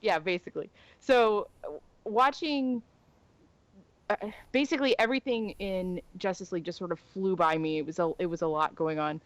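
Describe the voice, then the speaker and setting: A woman co-hosting a podcast, telling stories in an animated, chatty way. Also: lowish voice, moderate pace, dry recording. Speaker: podcast co-host. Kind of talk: casual chat.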